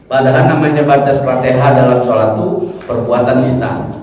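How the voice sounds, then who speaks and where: Male preacher, humorous and animated, mimics chanting; booming mosque reverb. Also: normal speed, slight background noise. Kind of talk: mosque study sermon. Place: large mosque hall. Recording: echoey hall, mic from far off.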